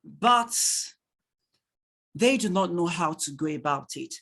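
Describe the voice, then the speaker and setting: Speaking over a computer microphone, a Nigerian-accented man tutors parents in an online training session. He talks slowly in a high-pitched voice, animated throughout, stacking rhetorical questions and laughing readily as he reads the chat.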